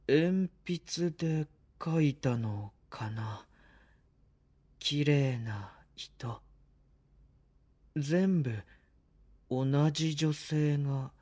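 A man playing a gentle, timid young vampire in an intimate audio drama, speaking softly and hesitantly with breathy murmurs. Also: on the high side.

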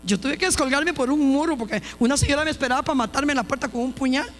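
A woman's voice: high-pitched, quick pace. A woman pastor giving a personal testimony in a church, telling her story emphatically with repeated phrases and restarts. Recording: long hall reverb with faint mains hum.

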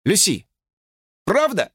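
Casting: a man doing an eager young suitor, insistent and stumbling, lively pitch, dry sound. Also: takes it slowly, breathy edge, dry recording, full character voice. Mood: agitated. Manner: insistent, flustered, stammering. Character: agitated, lovesick young man George.

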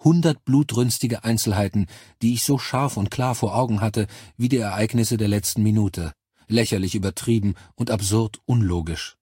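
Guy reading an audiobook, steady and measured, dry close studio sound. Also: on the low side, slightly rough, no room sound. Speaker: audiobook narrator. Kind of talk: scripted first-person audiobook narration.

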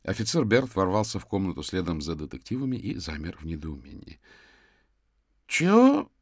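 A man narrates an audiobook in a calm, measured way. His voice sits very low. The recording is dry and close. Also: slightly rough, no room sound. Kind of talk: scripted narration.

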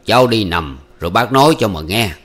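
A man voicing an old man, a former cook, who questions slowly and deliberately. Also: lowish voice, lively intonation, fairly bright tone. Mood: probing. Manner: slow, probing, deliberate.

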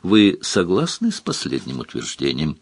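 Audiobook casting: male reader playing a sly, teasing court countess, husky and dry, with a lively lilt. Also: rumbling low, moderate pace, dry recording, voice pushed down, heavily acted. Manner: teasing, playful. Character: flirtatious scheming court countess, woman.

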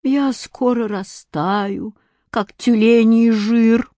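A woman's voice: sits high, little pitch movement, dark tone, dry recording, voice pushed up. A woman voicing a little boy from the far north, melting in the heat and speaking tearfully in a storybook. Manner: tearful, drawn-out.

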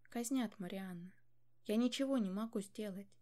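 A woman voicing a grave, weary older king who speaks quietly and with resignation to his daughter. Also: medium pitch, normal speed, lightly acted. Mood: resigned.

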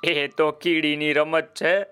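Storybook elephant, male, huge, naive, slow and proud, read by a man. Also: fairly high pitch, flat delivery, pushed and bright, faint music behind. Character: big good-natured male elephant, simple and proud.

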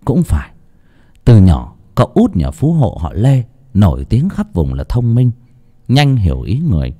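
A man narrating a dramatic audiobook with expressive storytelling. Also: lowish voice, normal speed, slightly rough.

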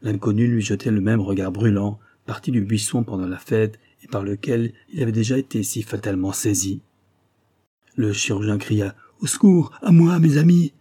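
A man reads a classic story aloud in a measured, steady narration. His voice is low and husky, with a dark, mellow warmth. The delivery stays even and unhurried. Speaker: audiobook narrator. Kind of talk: literary audiobook narration.

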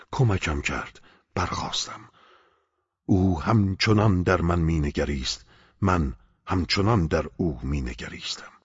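Audiobook narrator: man, very low and husky, solemn and measured, dull dry recording. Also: dry recording. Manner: solemn, measured, poetic delivery. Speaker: audiobook reader. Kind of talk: dramatic first-person audiobook narration.

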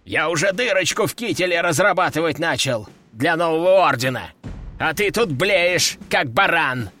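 A man's voice: fairly high pitch, expressive, moderate pace, bright, forceful tone, faint music behind. A man voicing a boastful, pompous middle-aged colonel in an audiobook, barking impatient orders. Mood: angry.

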